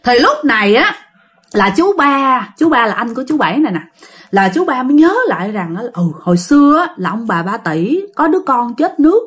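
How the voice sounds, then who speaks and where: A woman's voice: a little high, sing-song, a little fast, fairly bright tone. A woman with a Southern Vietnamese accent telling a ghost story in a chatty, casual way, speaking straight to her listeners with many fillers.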